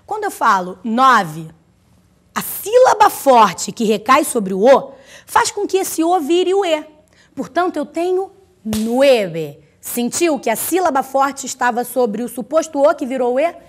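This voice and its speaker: Woman teacher, high voice, careful drawn-out example words, chatty asides. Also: big pitch swings. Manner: chatty, teasing asides to the student. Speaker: Spanish teacher. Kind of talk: recorded language lesson.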